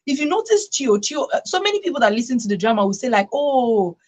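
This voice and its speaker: This radio talk show host talks at a quick pace in a slightly high, very animated voice that's a touch mellow. She leans on emphasis, repeats phrases for stress, and keeps asking "right?"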